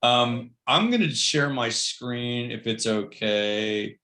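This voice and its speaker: A man's voice: mid-range voice, slow, pushed and bright, roomy sound. A man giving a casual, upbeat online presentation, talking with many fillers on a video call. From Cleveland, Ohio.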